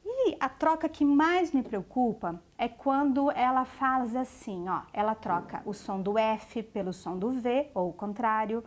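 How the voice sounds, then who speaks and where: A Brazilian woman with a slightly high voice talks to families as a speech therapist. She explains patiently, often checks in with a quick question, and slows down when she gives a warning. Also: lively intonation. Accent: Brazilian Portuguese. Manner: explanatory, frequent tag questions "né?" and "ok?". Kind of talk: educational talk to parents.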